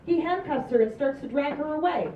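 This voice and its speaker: This woman's high voice moves a little fast with lively intonation while she reads a script's stage directions aloud at a table read, plainly and with amusement. The sound of the group session is distant, roomy and dull, with noise.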